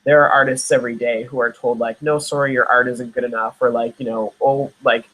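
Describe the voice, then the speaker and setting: A man's voice: mid-range voice, little pitch movement, fairly quick, a bit bright, rough recording. A young man from Nova Scotia, an actor guest in a casual interview, talking in a rambling way with many fillers and restarts. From Nova Scotia, Canada.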